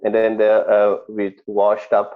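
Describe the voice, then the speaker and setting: A man with an Austrian accent, a chef telling stories in an interview, speaking haltingly with many fillers and restarts. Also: fairly low pitch, monotone, narrow, tinny audio. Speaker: chef guest. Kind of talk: conversational interview storytelling.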